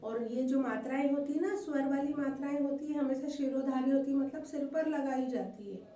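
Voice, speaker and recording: A woman's voice: high-pitched, moderate pace, warm tone. A woman teaching a primary school language class in a recorded video lesson. She is patient and repetitive, asks the pupils questions and answers them herself, and calls them "beta". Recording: echoey room, voice far from the mic, faint hum.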